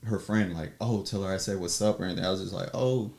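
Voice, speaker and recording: A man chatting as a podcast guest, telling a personal story in an animated way, acting out quotes and laughing often. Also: deep voice, quick pace. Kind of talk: casual storytelling chat.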